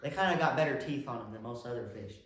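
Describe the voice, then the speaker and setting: A man's voice: medium pitch, expressive, fast talker, fairly bright tone. Rambling young man in an echoey room. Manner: rambling, restarts, searching for words. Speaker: podcast co-host. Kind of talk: casual podcast chat. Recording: very echoey room with faint noise.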